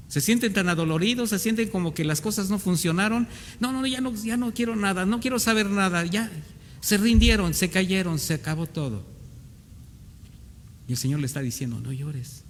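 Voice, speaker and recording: A male pastor, delivering an earnest sermon in church and acting out the voices of doubting believers. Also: fairly high pitch. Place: church hall. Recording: reverberant church hall, faint background noise.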